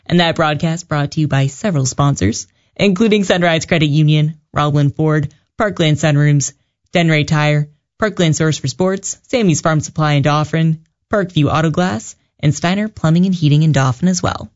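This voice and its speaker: A woman, a station announcer reading game news and sponsors in a loud, dense radio voice over broadcast sound. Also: low voice, normal speed. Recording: dull lo-fi radio audio.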